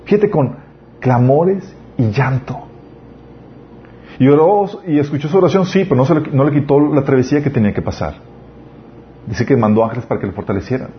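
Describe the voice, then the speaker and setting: A man preaches a sermon in an earnest way, pressing his listeners with question after question. His voice sits at an ordinary middle pitch. The recording is a little dull and lo-fi, with a faint hiss underneath. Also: brisk, pauses often. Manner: earnest, rhetorical questions, animated emphasis. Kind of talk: sermon on parenting.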